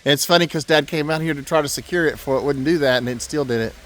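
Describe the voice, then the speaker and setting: A man with a Southern US accent, talking calmly and soothingly to the family dogs outdoors in a snowy yard. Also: a little high, quick pace. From Arkansas, US. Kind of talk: casual home video chat.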